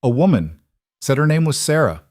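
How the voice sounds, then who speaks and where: A man's voice: mid-range voice, sing-song, moderate pace, darkish tone, no echo, clean studio sound, voice pushed up, close to an everyday voice. A man voicing a female babysitter who speaks carefully and hesitantly. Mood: uneasy. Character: uneasy female babysitter bringing bad news.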